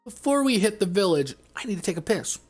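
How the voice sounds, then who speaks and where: A man's voice: high-pitched, sing-song, fairly quick, faint music behind, pitched above the performer's own voice. A man putting on the voice of a whiny, fussy tabletop player to mock him. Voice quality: mocking, exaggerated.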